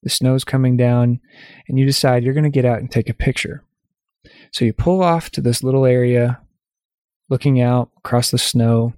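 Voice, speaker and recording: A man leads a guided visualization in a calm, gentle voice, speaking straight to the listener and letting his phrases rest between pauses. His pitch sits in an ordinary middle range, and the recording is dry and close, with no room sound around him. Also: no echo. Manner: calm, gentle second-person storytelling with pauses. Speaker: meditation guide.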